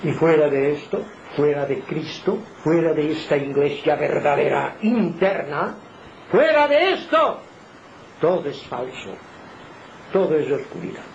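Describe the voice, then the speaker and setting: An older man, preaching a fervent sermon full of rhetorical questions. He swings between loud exhortation and hushed emphasis. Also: fairly high pitch, measured pace, gravelly. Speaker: lay preacher. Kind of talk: impassioned home sermon. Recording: muffled, with faint background noise.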